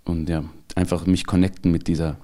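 A man telling his life story in a casual interview, animated, acting out the voices of people he quotes, often laughing. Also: deep voice, fairly quick. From grew up in Germany after fleeing with his mother. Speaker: guest comedian. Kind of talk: candid storytelling in a podcast interview.

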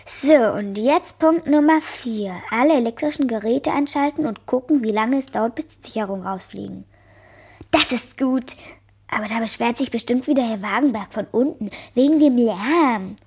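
Woman playing a cheeky high-voiced girl. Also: normal speed, a little mellow, a little hiss or hum, close to an everyday voice. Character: girl, Jennifer, home alone, cheeky. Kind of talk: children's radio play acting.

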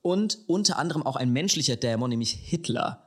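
A man from Lower Franconia in Germany, co-hosting a casual podcast chat and telling a story in an animated way that slows down for emphasis. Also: breathy edge. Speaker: podcast co-host.

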